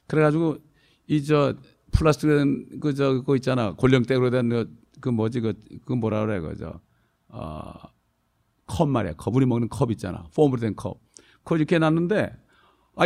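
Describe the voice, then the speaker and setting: Korean pastor preaching with rhetorical prompts. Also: male voice, gravelly. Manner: conversational preaching, frequent rhetorical "어?" prompts to the congregation; swings between raised emphatic lines and low quiet asides. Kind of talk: sermon.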